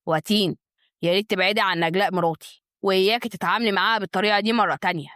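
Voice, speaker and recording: A woman voicing a tense young husband with an Egyptian accent, speaking curtly in a lowered voice. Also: racing, fairly bright tone, no echo, clean studio sound, lightly acted. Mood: stern. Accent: Egyptian Arabic.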